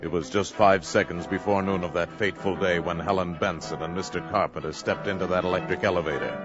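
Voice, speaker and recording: A man narrating a 1950s radio drama in a measured, dramatic storytelling manner. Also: low voice, steady tone, over loud music.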